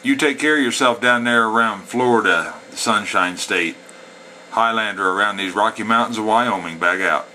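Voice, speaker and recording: This man's voice is on the low side and unhurried, at a moderate pace. He handles a CB radio, dropping folksy CB slang as he goes between calls and easygoing explanation, with static and chatter from the radio in the background.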